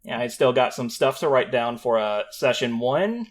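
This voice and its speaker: A man with a mid-pitched voice runs a tabletop game. He speaks as its game master. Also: expressive, moderate pace. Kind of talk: scripted scene narration, then casual chat.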